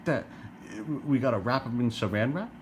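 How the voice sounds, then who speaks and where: Middle-aged man, from New Jersey, exasperated rant, lots of rhetorical questions, swooping lively pitch, faint room hum behind. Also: normal speed. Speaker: vlogger. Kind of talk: ranting monologue to camera.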